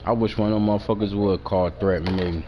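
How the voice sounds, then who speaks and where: A man's voice: lowish voice, fairly even intonation, fast talker, highs cut off. A man hosting a live stream, reacting to a news clip with blunt, profane commentary. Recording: noisy background.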